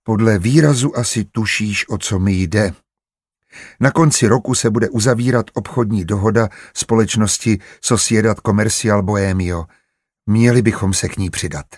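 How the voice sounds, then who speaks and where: Man doing a calm patient merchant, measured, low husky voice, dry close sound. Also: no room sound. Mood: persuasive.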